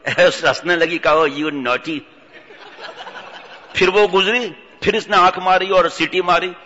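Bright-voiced man preaching in a hall. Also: high-pitched, slight background noise. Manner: animated storytelling, acts out voices. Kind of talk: humorous religious sermon. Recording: dull audio in long-reverb hall.

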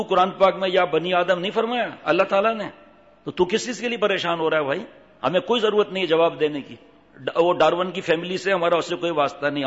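A man delivering an Islamic sermon, chatting with his audience, asking them questions and acting out the people in his stories. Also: fairly high pitch. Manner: conversational, asks the audience questions, acts out the voices in his stories. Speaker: Islamic preacher. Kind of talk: sermon with anecdotes. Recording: dull, long hall reverb.

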